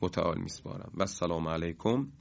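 A man's voice: low voice, gravelly. Man teaching recitation, chanting long examples. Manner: explains slowly, chants examples drawn out. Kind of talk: lesson on tajwid rules. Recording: dull lo-fi recording.

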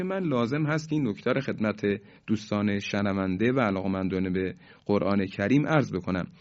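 A man leads a Quranic tajweed lesson in a mid-range voice. He explains each rule in measured teaching speech and sings the example words out long and slow. The recording is muffled and lo-fi. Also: medium pitch, a little mellow. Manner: slow, drawn-out demonstrations of recited words.

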